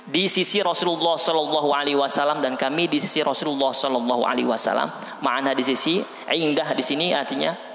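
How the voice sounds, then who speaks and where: A male preacher with a Sundanese-inflected accent, giving an animated sermon in a mosque and acting out scenes as he tells them. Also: a little high. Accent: Sundanese-inflected Indonesian. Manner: animated storyteller, acts out scenes. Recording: reverberant mosque hall.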